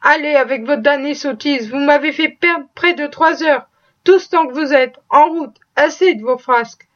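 A woman's voice: high voice, normal speed, a bit bright. A woman voicing an irritable male horse trader who grumbles curtly in a storybook reading. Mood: irritated. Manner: grumbling, curt. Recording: dull lo-fi recording.

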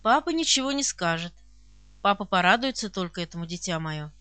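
A woman's voice: lowish voice, expressive, fairly quick, smooth, no room sound, voice pushed down. A woman voicing a kindly elderly count who speaks affectionately in an audiobook reading. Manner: warm, affectionate.

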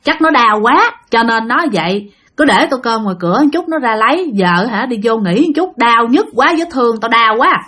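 A worn-out, wounded man speaks in a resigned, dismissive way with a Southern Vietnamese accent, as a woman narrator voices him. The voice stays lively in pitch, bright and high for a man. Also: normal speed. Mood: weary. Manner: weary, dismissive. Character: tired, injured older man, calm and resigned.

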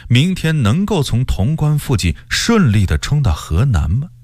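A male storyteller giving an expressive radio reading of a historical novel. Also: medium pitch, normal speed, dry recording. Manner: expressive, lively delivery.

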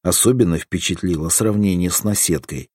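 A man reading a modern man's lines in an audiobook with a dry, deadpan manner. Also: sits low, fairly quick, no room sound. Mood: wry.

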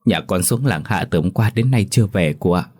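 A man with a deep voice voicing a distressed young village wife who pleads tearfully in a storybook tale. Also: animated, a little fast, darkish tone, breathy edge. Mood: pleading, tearful.

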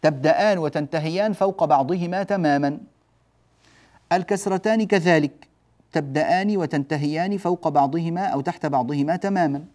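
A man with a slightly high, darkish voice teaches tajweed rules in a classroom lesson, explaining step by step while drawing on a board. He slowly stretches out example words and often checks that the class is following by asking "جيد؟".

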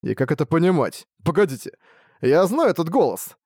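Man reading an audiobook hero, young and wary, wry asides, fairly high voice. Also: sing-song, fairly quick, darkish tone, husky, dry recording, studio quality, heavily acted.

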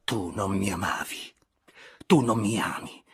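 A man reading aloud and voicing an anguished young noblewoman, pleading and often breathy and whispered. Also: lowish voice, a little slow, fairly bright tone, faint music behind. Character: anguished young noblewoman, tender yet wounded.

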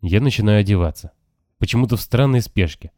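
A man reading a novel aloud in calm, even first-person audiobook narration. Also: on the low side, fast talker, dry recording, clean studio sound. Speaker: audiobook reader. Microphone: close, dry home recording.

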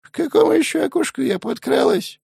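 A man's voice: very high-pitched, animated, brisk, vocal fry, a little mellow, no echo, clean studio sound, pitched above the performer's own voice, heavily acted. A man reading an audiobook, voicing a suspicious, half-deaf old woman who speaks in a wheedling near-whisper and snaps back sharply. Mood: defiant.

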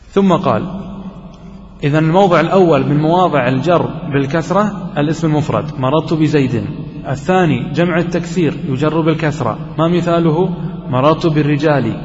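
A man teaching a grammar lesson, explaining slowly and putting questions to the class that he then answers himself. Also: fairly high pitch, darkish tone. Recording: dull recording with long hall reverb.

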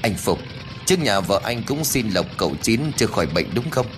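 An insistent village man questions people and presses his point, as a male storyteller voices him. His low voice keeps moving up and down. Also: sing-song, a little fast, over music. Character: inquisitive village man, persuasive.

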